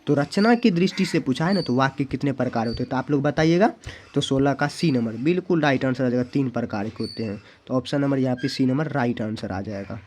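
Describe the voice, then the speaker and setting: A male teacher from India, speaking a little fast in a mellowish mid-range voice with slight background noise, goes through exam questions with students. He repeats the answers and keeps reminding them to remember.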